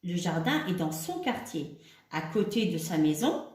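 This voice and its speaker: A woman with an Algerian accent teaching children, explaining step by step and dictating words slowly. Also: on the low side, very animated, darkish tone, echoey room. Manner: switches between French and Arabic, explains step by step; slow, deliberate dictation of words. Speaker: primary school teacher. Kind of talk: homework lesson for children.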